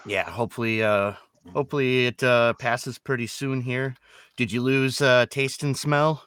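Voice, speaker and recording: A man hosting a casual group podcast, chatty and quick to laugh, often restarting his sentences. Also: medium pitch, steady tone, fairly bright tone, clear, resonant tone, no room sound, clean studio sound. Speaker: podcast host.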